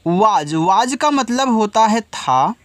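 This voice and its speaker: A man's voice: high-pitched, lively intonation, slow pace, fairly bright tone. A man giving a casual spoken English lesson as a teacher, patient and repetitive, often asking his listeners questions. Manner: patient, repeats each step, often asks listeners directly.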